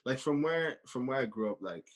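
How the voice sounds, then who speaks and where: A Canadian man in his twenties, appearing as a podcast guest, chats casually in an animated, medium-pitched voice at a moderate pace. He often repeats his phrases and sprinkles in "you know."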